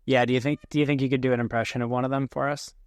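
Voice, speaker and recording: A man's voice: mid-range voice, flat delivery, rapid-fire, clear, resonant tone, dry recording. A man hosting a podcast, curious and probing, who asks questions with hesitant restarts in a casual chat. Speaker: podcast host.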